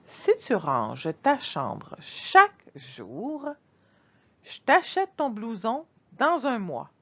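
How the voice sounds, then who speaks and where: A woman reading a storybook aloud and voicing a calm, firm father who speaks in a steady, measured way. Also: very high-pitched, dull audio, heavily acted.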